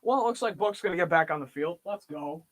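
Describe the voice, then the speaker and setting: Streaming live from home, a young man with a high-pitched, animated voice chats casually while standing and moving about, so he drifts closer to and farther from the mic. He talks a little fast, rambles, and reacts loudly to plays, with no room sound.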